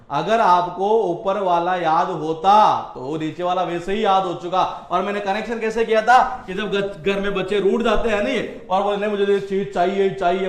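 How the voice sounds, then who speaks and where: High-voiced male teacher in an echoey room. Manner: explains with memory tricks and everyday stories, repeats phrases. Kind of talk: vocabulary lesson.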